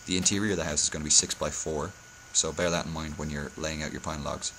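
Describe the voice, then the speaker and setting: Very deep, hungover man, flat delivery. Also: fast talker, slight background noise, poor audio. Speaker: video tutorial host. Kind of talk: casual game building tutorial commentary.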